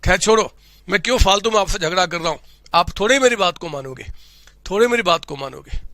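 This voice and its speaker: High, gravelly, joking accounting teacher. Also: male voice, lively intonation, quick pace, pushed and bright, no room sound. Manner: playful, boastful teacher who keeps checking the class understands. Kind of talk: humorous classroom lecture.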